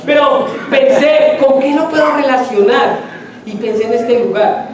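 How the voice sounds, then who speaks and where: A man's voice: very high-pitched, measured pace. A middle-aged Colombian man preaching a sermon in a church hall, talking with the congregation and putting questions to them. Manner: conversational, asks the congregation questions. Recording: echoey hall, distant mic.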